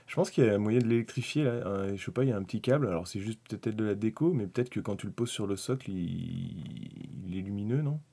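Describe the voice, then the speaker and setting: Husky French man streaming casually. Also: lowish voice, animated, quick pace, hardly any pauses, dark tone. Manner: rambling, thinking aloud, with many fillers and restarts. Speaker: miniatures hobby streamer. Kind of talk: casual live-stream commentary.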